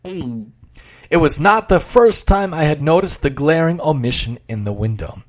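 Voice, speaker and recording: High, lively man telling a story. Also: measured pace. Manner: expressive storytelling, dramatic swings. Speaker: religious speaker. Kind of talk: sermon with a story read aloud.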